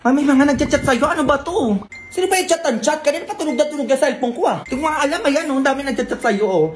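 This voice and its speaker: A woman performing comic family skits, switching quickly between bickering characters. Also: sits high, animated, faint music behind. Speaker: comedy sketch creator.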